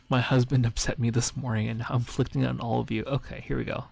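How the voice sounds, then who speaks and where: A man with a gravelly, fry-edged voice chats loosely on a stream about tabletop gaming, rambling and giggling at his own jokes. Soft music plays faintly behind him. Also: medium pitch, flat delivery, fast talker. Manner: rambling, giggly, self-mocking. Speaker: streamer and dungeon master. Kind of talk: casual stream chat reviewing memes. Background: faint background music.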